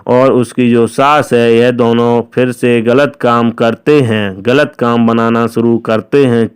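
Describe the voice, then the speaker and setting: A man narrating a crime story in a casual, unhurried retelling style, stringing events together with plain connecting phrases. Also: mid-range voice, clear, resonant tone.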